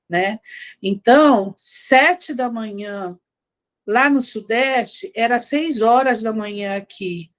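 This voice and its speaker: Speaking as a guest academic in history and anthropology, a Brazilian woman of middle age, born in Rio and raised in Belém, Pará, looks back on personal experiences. Her pitch is on the higher side. She pauses, repeats words and frequently tacks on tag questions.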